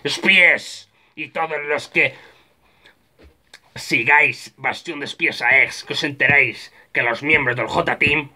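Hoarse man, sharp strained tone; theatrical, bossy comic monologue as a spy club leader. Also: on the high side, slow. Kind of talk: mock-serious vlog monologue.

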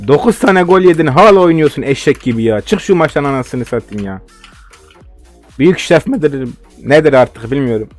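A man's voice: on the high side, animated, moderate pace, faint music behind. A young man giving live game commentary, ranting and swearing in frustration at his opponents. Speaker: gaming video host.

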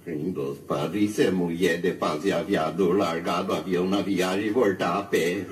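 A man's voice: sits low, steady tone, moderate pace, roomy sound, natural voice. A middle-aged man with a rural Brazilian accent, playing a simple, flirtatious country bumpkin in a comedy sketch. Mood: flirtatious, folksy. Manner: folksy, ends phrases with a questioning tag. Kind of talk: comic sketch acting. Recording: distant mic, loud crowd noise. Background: loud crowd.

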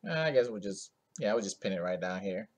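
A man's voice: on the low side, expressive, fairly quick. A man hosting a screen-recorded coding tutorial, talking in a laid-back, rambling way full of ums and asides.

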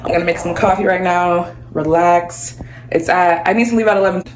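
A woman's voice: lowish voice, fairly even intonation, brisk, reverberant, background noise. A young woman vlogging casually from her apartment into a phone at arm's length, chatty, slangy and laughing often. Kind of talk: casual vlog chat. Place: apartment kitchen and home.

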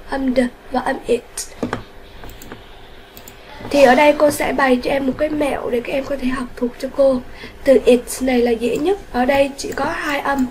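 A woman's voice: high-pitched, a little mellow, a little hiss or hum, low-quality recording. A woman teaching an online English lesson to children, patiently explaining step by step. Her native language is Vietnamese.

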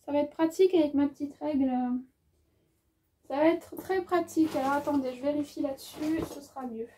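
A woman with an accent of her own talks her viewers through new fabric in a casual haul video. Her voice sits high and sounds mellow rather than bright. She thinks aloud as she measures, pausing often with filler words. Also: fairly even intonation. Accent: has an accent of her own. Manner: lots of hesitations and filler words. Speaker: sewing vlogger.

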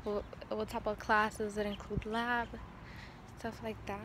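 A woman's voice: medium pitch, level tone, a little slow, noisy background. A young woman chatting casually to camera while walking or running outdoors, recorded on a phone held on a selfie stick. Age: young adult. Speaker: vlogger. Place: outdoors in the open air. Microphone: phone on a selfie stick at arm's length.

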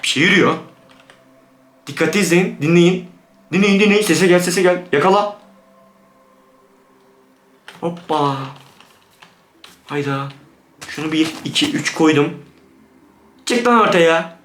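A man's voice: a little high, a little slow, pauses often, fairly bright tone. A man giving jumpy, swearing commentary on a horror game to his viewers. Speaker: gaming YouTuber. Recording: roomy room with background music.

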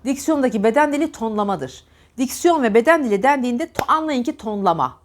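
A woman with a somewhat high voice gives a diction lesson straight to camera. She speaks earnestly and emphatically, scolding gently through repeated instructions. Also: expressive, fairly quick, slight background noise. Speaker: diction teacher.

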